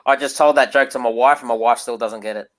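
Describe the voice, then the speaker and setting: A man's voice: medium pitch, fairly even intonation, fast, fairly bright tone. A man joking and teasing in casual chat with friends on an online call.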